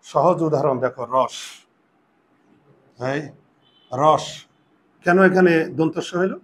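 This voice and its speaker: A male Bengali teacher giving a classroom lesson, drilling students with repeated questions and spelling words out slowly. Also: fairly high pitch.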